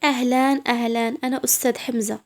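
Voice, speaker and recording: A woman voicing a smug, flattering thirty-year-old male teacher with a Moroccan accent. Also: a little high, very fast, lightly acted. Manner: flattering, polite.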